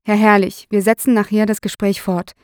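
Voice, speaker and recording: A woman's voice: mid-range voice, flat delivery, moderate pace, a little mellow, no room sound, clean studio sound, lightly acted. Brief: female narrator voicing a firm middle-aged detective, probing, crime audiobook. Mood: stern. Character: stern middle-aged male police detective.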